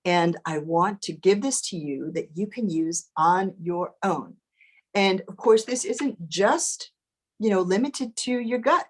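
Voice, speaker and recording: Lady teaching a meditation, kinda husky, really slow and gentle, lots of pauses. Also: medium pitch, lively intonation. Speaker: spiritual workshop teacher leading a guided exercise. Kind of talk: guided meditation instruction.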